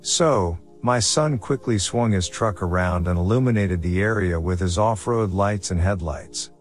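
Low-voiced man narrating a horror story. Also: measured pace. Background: faint background music.

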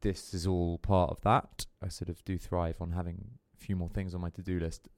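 A man's voice: deep voice, level tone, moderate pace, darkish tone, no room sound. A young man talking casually as a podcast guest, rambling with lots of fillers and restarts. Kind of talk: casual interview chat.

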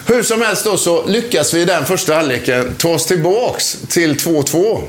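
A fairly high-pitched, expressive male voice belongs to an older former footballer. He tells a chatty anecdote about a match from long ago, laughing often as he speaks.

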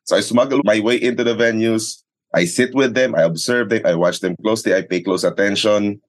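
This sports announcer, a man with a Filipino accent, talks briskly in a fairly low voice while guesting on an interview. His delivery is chatty and story-driven, blending Tagalog with English and repeating phrases to drive points home.

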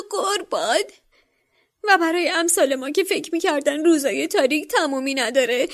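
A woman voicing a frantic, tearful little male house-elf servant with a squeaky, stammering voice, pitched far above her own. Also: natural voice. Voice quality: squeaky, shrill. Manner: whimpering, stammering, pleading. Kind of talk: audiobook character voice.

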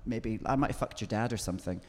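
A man's voice: lowish voice, fast talker. A Scottish man hosting a comic chat with cheeky, teasing questions. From near Edinburgh, Scotland. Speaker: host. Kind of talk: comic live chat show interviewing. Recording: echoey hall reverb.

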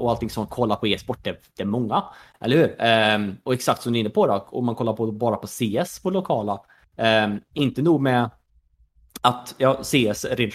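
On a relaxed podcast, a medium-pitched man from Sweden in his thirties talks about his path from professional gamer to esports executive, sprinkling in plenty of fillers and "you know" asides.

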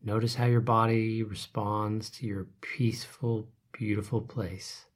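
Low husky guy talking you through a relaxation meditation, soft and calm, drifts into whispers. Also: unhurried. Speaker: meditation guide.

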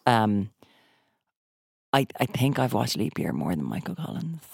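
A woman with a Cork Irish accent chats as a podcast guest, emphatic and storytelling. Her voice sits low but swings widely in pitch. The recording is dry and close. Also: very animated, measured pace, creaky, darkish tone, slightly rough, dry recording. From Ireland (Cork). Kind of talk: casual chat.

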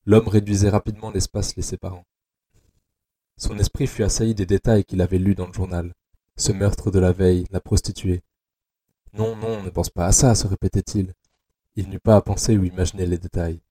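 A man narrating an audio adaptation of a dark novel in a slow, measured, tense way. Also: sits low, little pitch movement, husky.

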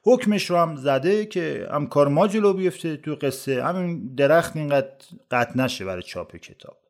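A man hosting a podcast, telling a comic tale in rhymed verse and breaking off into casual spoken asides. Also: fairly high pitch. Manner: lively, switches between recited rhyme and chatty commentary. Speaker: podcast host and storyteller.

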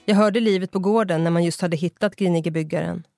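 A woman's voice: fairly low pitch, steady tone, mellow, no room sound, clean studio sound, faint music behind, natural voice. A reader voicing a polite, chatty middle-aged woman shop owner. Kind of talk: audiobook character voice.

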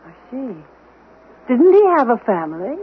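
A woman's voice: fairly high pitch, big pitch swings, moderate pace, slightly rough, full character voice. A woman playing a formal, composed household servant who lectures her employer in a 1970s radio drama. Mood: prim. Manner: formal, unflappable, gently reproving. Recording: tinny old radio broadcast, faint hiss.

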